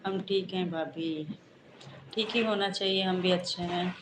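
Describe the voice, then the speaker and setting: A woman chats casually with her livestream viewers, greeting each by name and replying to their comments. Her voice sits low and stays fairly level. The sound is echoey, with steady background noise. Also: unhurried. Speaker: livestream host. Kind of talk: casual live chat with viewers.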